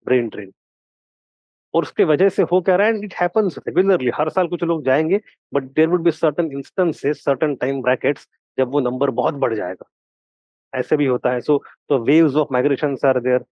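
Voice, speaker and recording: Indian man lecturing, fast asides. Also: a little high, no room sound. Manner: code-switches mid-sentence, quick asides, slow stressed points. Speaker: history lecturer. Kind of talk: classroom lecture. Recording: dull, dry sound.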